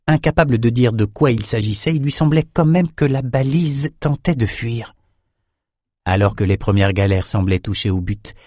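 A man reading a fantasy novel aloud as an audiobook narrator, in a steady, measured way. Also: on the low side, dry recording, clean studio sound. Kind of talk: scripted narration.

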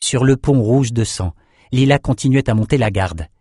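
A man narrating a fantasy novel in a measured, steady reading voice. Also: medium pitch, husky, no echo, clean studio sound. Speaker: audiobook narrator.

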